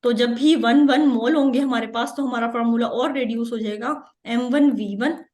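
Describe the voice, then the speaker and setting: A woman teaches chemistry in a high, light voice. She works through each step patiently and repeats the key terms. English technical words slip into her lecture. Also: moderate pace, a little mellow. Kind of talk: exam-prep lecture.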